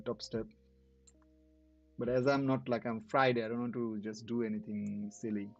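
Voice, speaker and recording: A man who hosts a trading channel comments casually on live charts, speaking English as a non-native language. His mid-range voice has a darkish tone, his speech is halting with many restarts, and the sound is lo-fi.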